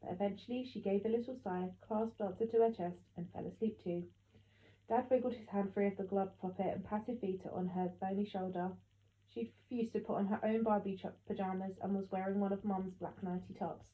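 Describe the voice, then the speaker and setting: A woman narrating an audiobook in the first person with steady storytelling. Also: mid-range voice, a little fast. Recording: echoey tinny phone-like sound.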